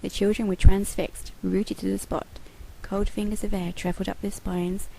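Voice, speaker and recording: A woman narrating a children's storybook aloud in a gentle, measured way. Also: mid-range voice, little pitch movement, gravelly, a little hiss or hum, rough recording. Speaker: author reading her own book.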